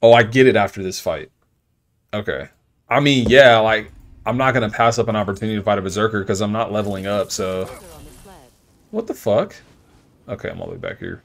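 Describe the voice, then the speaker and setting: A man's voice: fairly low pitch, fairly even intonation, fast, vocal fry. Profane man streaming a game. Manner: casual, profane, thinks out loud; loud frustrated outbursts at enemies. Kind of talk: live gameplay commentary.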